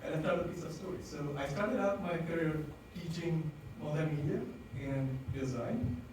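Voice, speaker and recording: His voice fairly high and his pace moderate, an Indian-accented speaker at a design event tells the audience personal stories. He talks candidly and conversationally, filling gaps often, while the echoey room, distant mic and ambient noise color the recording.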